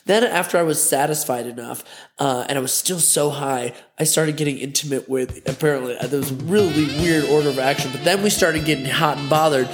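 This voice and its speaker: A young adult man telling candid, crude stories in a casual vlog monologue, animated and full of fillers. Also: fairly high pitch, brisk, soft background music. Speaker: host of a talk vlog.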